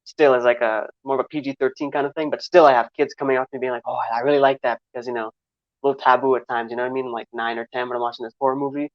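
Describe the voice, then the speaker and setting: A man's voice: mid-range voice, level tone, rapid-fire, no room sound. Young man with a New York accent. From Trinidad. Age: 20s. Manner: rambling, many fillers and restarts. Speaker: guest filmmaker. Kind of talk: casual interview answers. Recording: slightly dull, dry recording.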